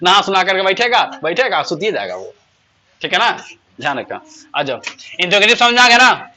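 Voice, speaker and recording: A male teacher gives a classroom grammar lesson. He keeps asking his pupils questions and says English example sentences slowly and emphatically. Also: sits high, big pitch swings, bright, forceful tone, slight background noise. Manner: asks pupils constant rhetorical questions.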